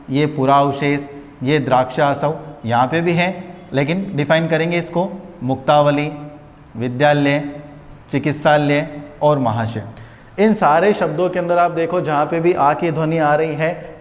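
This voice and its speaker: A young man teaching a grammar lesson for exam preparation, patient and repetitive, asking questions and answering them himself. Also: fairly high pitch. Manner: patient, repeats each rule slowly, asks questions and answers them himself. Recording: echoey room with long reverb.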